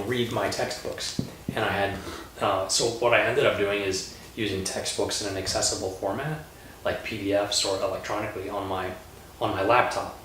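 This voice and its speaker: A man from Colorado, a lawyer, hosting a relaxed panel chat, talking with many fillers and pauses. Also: on the low side, a little hiss or hum. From Colorado, USA. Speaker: host, lawyer. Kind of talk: casual panel conversation. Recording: roomy echo, distant mic.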